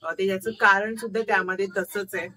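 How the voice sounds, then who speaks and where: A man talks casually to his viewers in a home vlog. His talk is chatty and relaxed, and it was filmed indoors at his home. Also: sits high, a little fast. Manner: chatty, coaxing a child with repeated questions. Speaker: vlogger. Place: home family birthday gathering, indoors.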